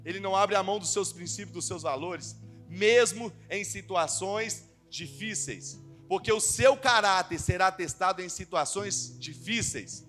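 A male youth pastor preaching a sermon to young people, swinging from loud to hushed. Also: sits high, a little slow, soft background music. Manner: preaching with sweeping swings in volume.

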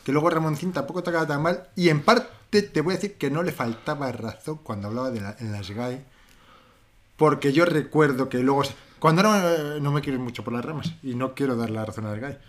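A man co-hosting a podcast, chatting casually and telling stories with mocking quoted voices. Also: mid-range voice. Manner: fast, animated storytelling with mocking quoted voices. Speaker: podcast co-host. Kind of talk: casual chat.

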